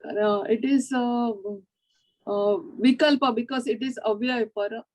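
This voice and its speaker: Halting woman student with a Hindi accent. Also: on the high side, fairly even intonation, a little mellow, rough recording. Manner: halting, with pauses while working out answers. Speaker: student in an online Sanskrit class. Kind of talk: hesitant recitation and answering in class.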